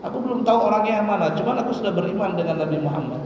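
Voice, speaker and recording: A blunt, excitable Bedouin villager of old, full of quick protest and high exclamations, as a preacher puts him on in his sermon. The voice jumps well above the preacher's own and rings through a big echoey hall. He is heard from some distance, over a faint rumble. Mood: earnest.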